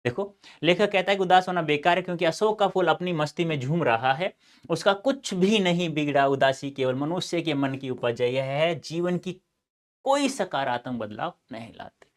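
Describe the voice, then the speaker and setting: A man teaching a Hindi exam lecture to students, explaining and mixing in lively, fatherly advice. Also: a little high, normal speed. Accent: North Indian Hindi. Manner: addresses students as beta, lively asides and advice.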